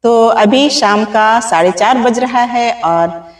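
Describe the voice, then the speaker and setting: A woman's voice: on the high side, slow pace. A woman, chatting casually to her viewers outdoors and often calling them friends. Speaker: vlogger. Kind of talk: casual vlog chat to viewers. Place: outdoors under open sky. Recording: distant, roomy-sounding mic.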